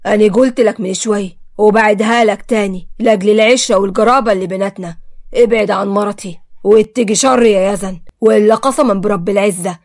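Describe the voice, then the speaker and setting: A woman's voice: fairly high pitch, steady tone, close to an everyday voice. A woman voicing a stern, jealous Upper Egyptian husband with an Upper Egyptian accent who speaks harshly and threateningly in a storybook reading. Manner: harsh, threatening, slow and heavy.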